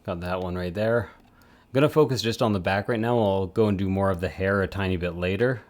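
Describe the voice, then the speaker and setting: A man's voice: sits low, brisk, darkish tone. A man chatting casually on a live stream while he works, rambling with self-mocking asides. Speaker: streamer supporting 3D print models.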